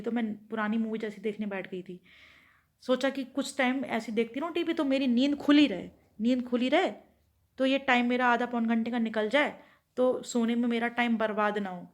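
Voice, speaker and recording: A woman vlogging casually at home, thinking aloud and rambling to her viewers. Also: on the high side. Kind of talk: casual chatty home vlog.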